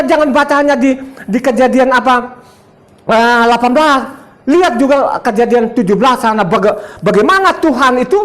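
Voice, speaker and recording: A man in his seventies from Sumba, Indonesia, preaches to a congregation in a combative, boastful sermon, laughing often and quizzing his listeners. His voice is extremely high-pitched and a bit bright.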